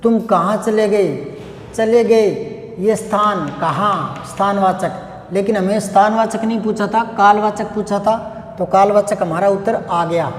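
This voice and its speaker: A man's voice: sits high, steady tone, measured pace. A male teacher giving a grammar lesson, working through each example by asking questions and answering them himself. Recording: echoey room with long reverb.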